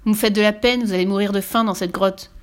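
A woman voicing a greedy grown man, a bullying crook who talks loud and menacing. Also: medium pitch, fairly even intonation, very slow, clean tone.

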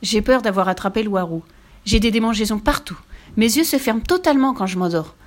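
A woman's voice: mid-range voice, fairly quick, lightly acted. A woman voicing a cheeky, fearless little red-haired girl with a bold, playful manner in a storybook reading. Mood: earnest.

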